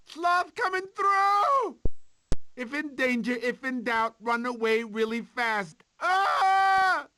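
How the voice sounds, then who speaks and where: A goofy cartoon sloth for a video game, bright and forceful, with pitch that swoops all over. He is a jittery, kindly uncle type who is excitable and theatrical. The audio has some background noise. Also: full character voice. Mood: panicked. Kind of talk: animated film tie-in game character dialogue.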